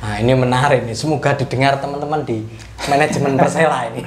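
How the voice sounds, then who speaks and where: A man's voice: mid-range voice, fairly even intonation, fast talker, a crowd in the background. A man hosting a casual interview, prompting with short interjections and finishing the guest's sentences. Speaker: interview host. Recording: roomy echo, faint ambience.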